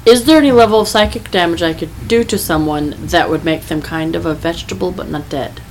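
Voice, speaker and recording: A woman's voice: fairly low pitch, fairly quick, a little mellow. A woman playing a tabletop role-playing game, chatting casually with the group. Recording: faintly noisy room ambience.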